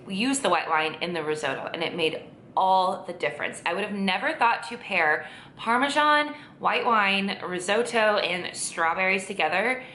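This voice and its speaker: A woman's voice: medium pitch, sharp tone, echoey room, a little hiss or hum. A woman vlogging in casual chat, gushing and chatty with lots of fillers and restarts.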